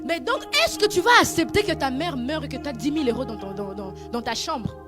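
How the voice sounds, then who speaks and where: A woman telling a true story as a moral lesson, animated and full of rhetorical questions. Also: high-pitched, a little fast, over music.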